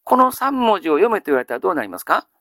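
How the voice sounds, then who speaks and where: A male teacher giving a grammar lesson, asking questions and answering them himself, with frequent drawn-out fillers. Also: sits high, dry recording, clean studio sound. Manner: steady lecturing with many drawn-out fillers; quizzes listeners then answers himself. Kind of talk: classical Chinese grammar lesson.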